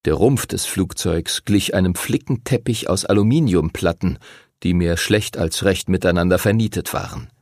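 A man's voice: low-pitched, moderate pace, dry recording. A man narrating an audiobook expressively, close to the mic. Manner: expressive, voices characters. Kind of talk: scripted narration.

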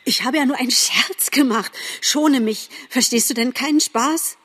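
A woman's voice: sits high, moderate pace, fairly bright tone, breathy edge, pitched above the performer's own voice. A woman voicing a limping young male deer who begs for mercy, in a storybook reading. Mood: pleading. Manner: whining, begging.

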